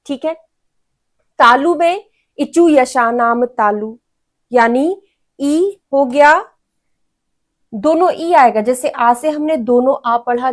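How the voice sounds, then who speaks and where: A woman teacher giving an exam-prep lecture. She explains patiently, sounds out each syllable and has students repeat after her. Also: high-pitched. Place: teaching room with a board.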